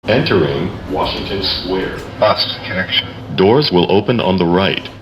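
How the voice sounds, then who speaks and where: Through a subway car's speakers comes a deep, animated male voice, a little slow, reading automated station announcements in clipped, formal set phrases as a transit announcer. The recording is echoey and noisy.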